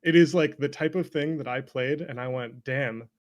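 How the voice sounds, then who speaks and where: Appearing as an interview guest, a game developer chats casually and with strong opinions about video games, rambling and swearing freely. His mid-range voice moves at a moderate pace, and the sound quality is lo-fi.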